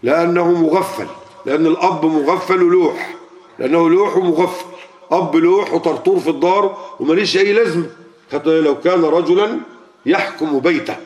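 A man with an Egyptian Arabic accent preaching a sermon to a gathering, talking colloquially and often asking the audience questions. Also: fairly high pitch. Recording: lo-fi muffled recording.

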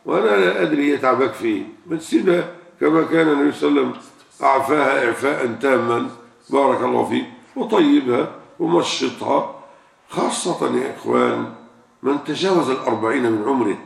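Older man, Egyptian Arabic accent, preaching sheikh, rhetorical questions, very gravelly, echoey distant mic. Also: medium pitch, fast talker. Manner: asks rhetorical questions and repeats key words for emphasis. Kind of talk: religious question-and-answer sermon. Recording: echoey room, far from the mic.

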